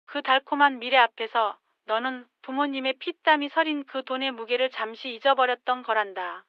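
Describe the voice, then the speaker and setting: A woman in her sixties narrating a scripted story in a gentle, rueful tone, as if writing to her younger self. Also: high-pitched, no echo. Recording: dull lo-fi dry sound.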